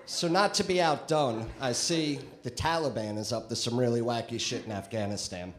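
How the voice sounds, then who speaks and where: A man's voice: mid-range voice, moderate pace, noisy background. A male stand-up comedian performing a conversational set with crude punchlines on a comedy club stage, into a handheld mic.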